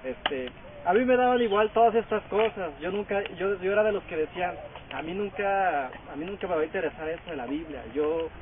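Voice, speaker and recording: A young man giving a personal testimony to a congregation, halting and full of filler words. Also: sits high. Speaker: testimony speaker. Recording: phone-like audio with crowd behind.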